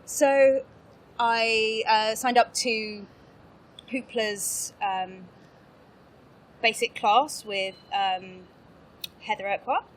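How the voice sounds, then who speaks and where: A woman's voice: a little high, steady tone, very slow, pauses often, slight background noise, low-quality recording. A young woman from England, an actor and improviser, chatting as a podcast guest in a bubbly, self-mocking way and laughing often. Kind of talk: casual interview chat.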